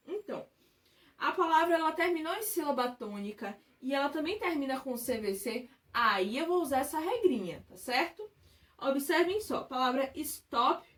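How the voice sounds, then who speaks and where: A woman's voice: sits high, distant mic. A woman teaching a recorded grammar lesson, explaining step by step and checking in with the listener often. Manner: patient, step-by-step explaining with frequent check-ins. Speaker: English teacher.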